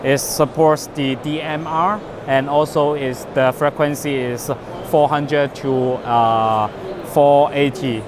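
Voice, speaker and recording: A company rep, not a native English speaker, demos a product off the cuff on a noisy trade show floor, his phrasing broken and halting. His voice leans high, with fairly even intonation.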